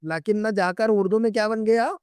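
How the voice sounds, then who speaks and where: High-voiced man teaching Arabic. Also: darkish tone, clear, resonant tone, no echo, studio quality. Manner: patient, repeats and checks with students. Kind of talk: online class lecture.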